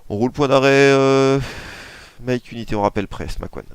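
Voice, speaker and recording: A man's voice: mid-range voice, moderate pace, clear, resonant tone, dry recording, pitched above the performer's own voice, lightly acted. A man voicing a male pilot in the cockpit, reading clipped radio calls to the control tower. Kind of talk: flight sim radio phraseology practice.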